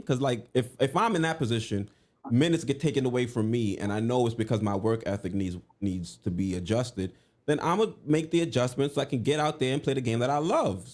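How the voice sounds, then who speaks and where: A man's voice: medium pitch, a little mellow. Laid-back man co-hosting a sports stream. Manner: laid-back, conversational, lots of fillers. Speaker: co-host of a live sports show. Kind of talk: casual sports chat.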